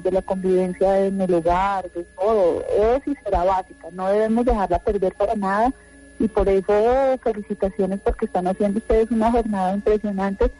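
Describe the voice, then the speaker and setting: Una mujer con acento colombiano que llama por teléfono a un programa de radio y habla en frases largas con muchas muletillas. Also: female voice, medium pitch, warm tone. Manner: long run-on sentences with many fillers. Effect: phone call heard on air. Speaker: caller to a radio show. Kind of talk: live call-in chat.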